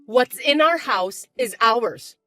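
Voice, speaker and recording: A woman voicing a spiteful, bossy young stepsister who talks in a shrill, mocking, shouty way. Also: expressive, slow, no room sound, studio quality, faint music behind, exaggerated voice. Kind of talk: chat-story voice acting.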